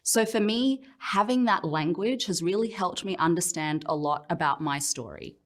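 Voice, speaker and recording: A woman with an Australian accent giving a reflective, personal motivational talk as a professional speaker, often pausing with "um". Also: fairly low pitch. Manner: reflective, personal storytelling with frequent "um"s.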